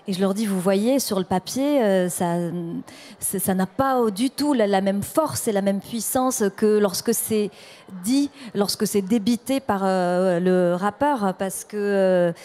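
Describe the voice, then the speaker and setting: Woman poet on a panel, hesitant and halting, soft mellow tone. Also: mid-range voice. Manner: hesitant, many fillers and restarts. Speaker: poet and performer. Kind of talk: panel discussion answers.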